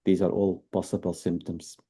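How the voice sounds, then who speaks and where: In an explanatory interview, a Belgian fertility doctor in his fifties patiently lays things out one step at a time, using tag questions and a Belgian accent. His deep voice is warm and husky, delivered flatly at a moderate pace.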